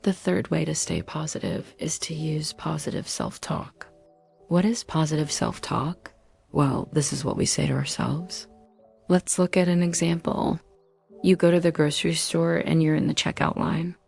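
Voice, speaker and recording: A woman narrating a scripted self-help talk in a calm, measured way, sometimes dropping to breathy near-whispers. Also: low-pitched, soft background music. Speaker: motivational narrator.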